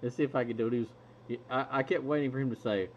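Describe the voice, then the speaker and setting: Man, casual chatty host, mid-pitched voice, muffled lo-fi recording, faint hiss. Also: steady tone, racing. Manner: chatty, laughs often between stories. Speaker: radio hobbyist hosting a video stream. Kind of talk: casual chat.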